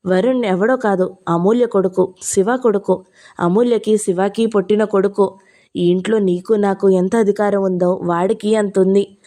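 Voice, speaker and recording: Audio-novel figure: commanding, protective young husband, voiced by the woman reader; firm and forceful, barely disguised. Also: mid-range voice, fairly even intonation, moderate pace, close to an everyday voice.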